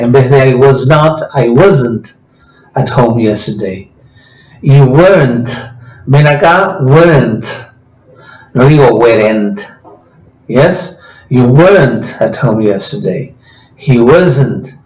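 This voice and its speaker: A man teaching a grammar lesson, explaining slowly and patiently in his native Spanish. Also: mid-range voice, a little mellow. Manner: slow, patient explaining, switching between two languages. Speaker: English teacher. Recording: echoey room.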